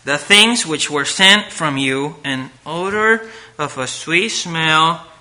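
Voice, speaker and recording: A man preaching a sermon to a congregation at a pulpit, reading scripture emphatically, with drawn-out words and rhetorical questions. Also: a little high, expressive, sharp tone, rough recording.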